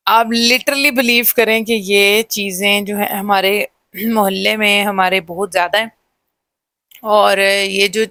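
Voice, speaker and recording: A woman's voice: medium pitch, fairly bright tone, no echo. A young adult woman telling a first-person horror story in a dramatic way, speaking straight to her viewers. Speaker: storyteller vlogger.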